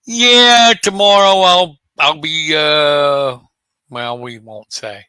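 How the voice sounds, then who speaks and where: A man's voice: on the high side, slow pace, sharp tone, clear, resonant tone. A man in his late fifties co-hosting a casual sports talk show, chatty and joking with rhetorical questions. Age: 50s. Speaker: co-host.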